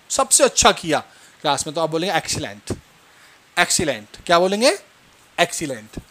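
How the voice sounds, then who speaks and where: A man teaching spoken phrases, repeating each phrase and checking that it is clear. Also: high voice, a bit bright. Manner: explains each phrase slowly, repeating it, often asking "clear?". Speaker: English teacher. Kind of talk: spoken English lesson.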